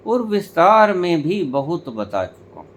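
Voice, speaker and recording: Slow, animated male spiritual teacher. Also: high-pitched. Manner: emphatic, rhetorical questions, deliberate pauses. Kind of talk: spiritual discourse.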